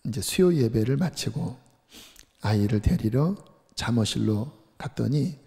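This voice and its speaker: A middle-aged male pastor delivers an earnest sermon in a mellow, gravelly voice. He moves between hushed, tender passages and raised, emphatic scripture reading. The sound rings with the long reverb of a church sanctuary. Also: medium pitch.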